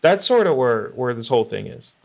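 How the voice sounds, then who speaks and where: A man's voice: medium pitch, very animated, fairly quick, creaky. A man co-hosting a podcast in casual chat, blunt and salty, often saying "you know what I mean". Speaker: podcast co-host.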